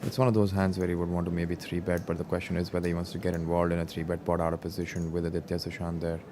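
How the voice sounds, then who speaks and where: A man giving live poker commentary in a measured, explanatory way. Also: sits low, completely flat delivery, darkish tone. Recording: noisy live-event ambience.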